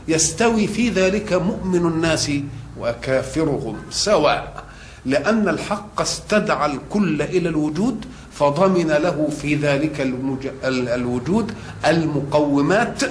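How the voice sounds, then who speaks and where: Man preaching in an echoey room. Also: fairly high pitch. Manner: measured, explanatory, rising emphasis on key points. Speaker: religious scholar. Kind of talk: sermon. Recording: echoey room with faint noise.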